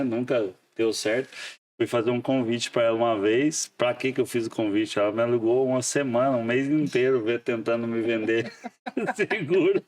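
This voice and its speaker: A man's voice: medium pitch, darkish tone, recorded from a distance. A man hosting a podcast in casual chat, joking and laughing often with frequent restarts. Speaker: podcast host.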